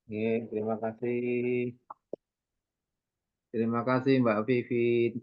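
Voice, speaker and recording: Polite male moderator, mid pitch, hesitant, muffled line. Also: flat delivery, slow pace. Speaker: meeting moderator.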